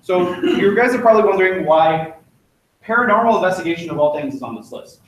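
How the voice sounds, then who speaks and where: A man's voice: on the high side, far from the mic. Young man lecturing in an echoey classroom. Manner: chatty, joking, many fillers. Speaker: student club presenter. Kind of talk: casual slide-talk lecture. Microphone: distant room mic.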